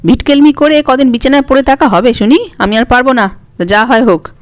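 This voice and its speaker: A woman reading a Bengali story, voicing a proud, sharp-tongued young woman in a raised voice. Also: fairly high pitch, animated, moderate pace, close to an everyday voice. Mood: scolding.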